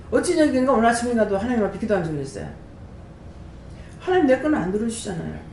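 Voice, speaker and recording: Animated woman preaching. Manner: animated testimony, rhetorical questions to the congregation. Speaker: prayer house director and preacher. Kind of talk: sermon. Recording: echoey room with faint rumble.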